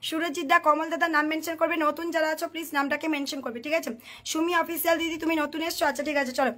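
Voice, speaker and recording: A woman hosts a casual live stream. She reads out comments and keeps urging viewers, over and over, to tap, share and mention friends. Her voice is high and she talks fast. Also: fairly even intonation, a bit bright.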